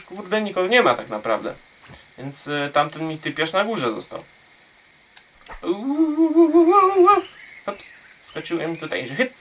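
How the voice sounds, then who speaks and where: A man commentates his own gameplay in a bright, tense voice that swoops up and down. He teases and talks to the enemies on screen and swears often. He sits a bit back from the mic, and there is faint hiss underneath. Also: sits high, recorded from a distance. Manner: playful, jokey, swears, talks to enemies in the game. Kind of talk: let's play commentary.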